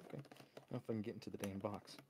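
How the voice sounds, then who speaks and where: A woman's voice: very deep voice, fairly even intonation, rapid-fire, noisy background. A woman co-hosting a live stream, chatting in a laid-back way and trailing off while she hunts for words. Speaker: streamer co-host. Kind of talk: casual stream chat.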